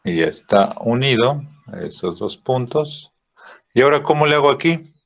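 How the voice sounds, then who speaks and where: A man teaching a drawing software lesson, thinking aloud with fillers and checking in with "¿sí?" after each step. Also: medium pitch, expressive, gravelly. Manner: slow, checks in with frequent "¿sí?" and "¿no?"; thinks aloud with "este" fillers while clicking. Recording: dull lo-fi recording.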